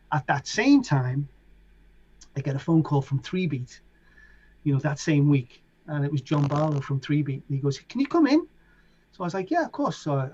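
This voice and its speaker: A middle-aged man with a Liverpool accent, a DJ and producer telling stories in a casual interview and acting out other people's lines. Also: mid-range voice. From England. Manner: animated, acts out other people's lines in raised voices. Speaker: DJ and producer guest. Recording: dull lo-fi sound.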